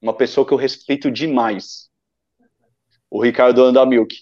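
A man's voice: medium pitch, steady tone, normal speed, darkish tone. A Brazilian man, a photographer guest, telling rambling stories with enthusiasm in casual podcast chat. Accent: Brazilian Portuguese. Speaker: running-event photographer, guest. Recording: dull lo-fi sound.

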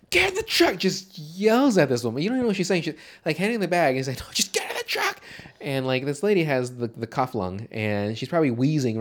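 Man, podcast co-host, casual movie chat, profane, rambling, jokey, middle pitch. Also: darkish tone.

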